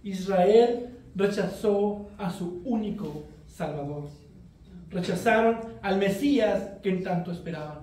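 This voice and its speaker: A man from Mexico preaching an expository sermon in a measured, earnest way. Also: sits high, dark tone. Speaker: pastor. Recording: very echoey hall, voice from a distance.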